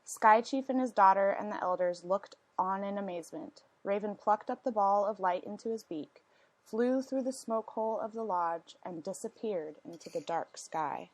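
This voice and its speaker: A woman reading a storybook aloud as narration, with expressive, deliberate phrasing and questions to her listeners. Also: mid-range voice, dry recording, poor audio. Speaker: storyteller reading a picture book.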